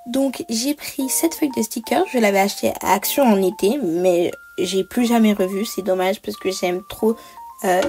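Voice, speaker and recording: A woman's voice: a little high, dark tone. Chatty woman narrating a craft tutorial. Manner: chatty, explains step by step with many hesitations. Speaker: bullet journal creator.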